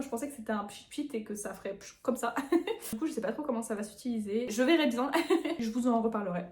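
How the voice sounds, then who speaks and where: A woman's voice: a little high, a little mellow. A woman chatting casually through a product unboxing, rambling with fillers and little laughs. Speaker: nail artist reviewing products. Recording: echoey room.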